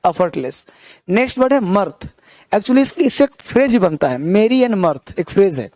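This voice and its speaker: A man teaches English vocabulary. He drills each word with rhymes and repeats it slowly, asking his listeners quick questions. The recording is close and dry. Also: high-pitched, big pitch swings, a little mellow, no echo. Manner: repeats words with rhymes and memory tricks, asks the class questions. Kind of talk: vocabulary lesson.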